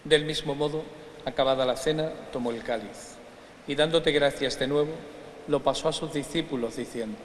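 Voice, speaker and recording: Priest reciting Mass in echoing church. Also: male voice, medium pitch. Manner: measured, formal phrasing. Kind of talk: solemn liturgical recitation of the Mass. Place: large reverberant church. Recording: echoey church, long reverb, background noise.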